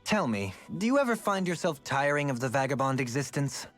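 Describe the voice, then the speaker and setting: An actor playing a refined, gentle and eccentric former lord in a game, speaking in formal, courtly phrasing. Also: male voice, medium pitch, big pitch swings, brisk, faint music behind, lightly acted. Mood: reflective. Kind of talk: game character dialogue.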